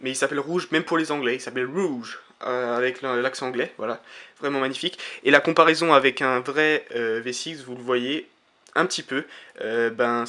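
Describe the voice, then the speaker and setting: A man giving casual, enthusiastic unboxing commentary to his viewers, pausing often with hesitations and praising everything he shows. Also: medium pitch, pushed and bright. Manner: enthusiastic, keeps calling things magnificent, frequent hesitations. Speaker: YouTuber unboxing playing-card decks.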